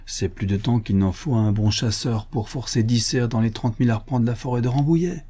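A man's voice: medium pitch, a little fast, warm tone, breathy edge, close to an everyday voice. A man reading a story voices a proud, stubborn gamekeeper who reassures his wife.

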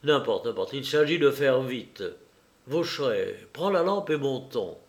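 Guy reading as a bossy sarcastic gentleman thief, gravelly and slow, storybook style. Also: medium pitch, animated. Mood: sardonic. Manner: brisk, sardonic, bossy. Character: commanding, mocking gentleman burglar.

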